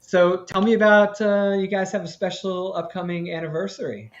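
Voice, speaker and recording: Filler-laden, rambling stories come from a live interview stream host with a mid-range voice at a moderate pace. The audio is lo-fi and slightly dull.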